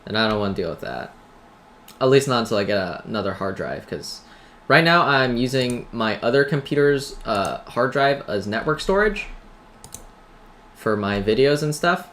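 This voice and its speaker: Keyboard clatter, typing and background noise come through the noisy home mic as a man hosts a gaming video. He speaks expressively at a moderate pace, with a medium-pitched, slightly bright voice, giving relaxed, rambling commentary with self-deprecating, tongue-in-cheek asides.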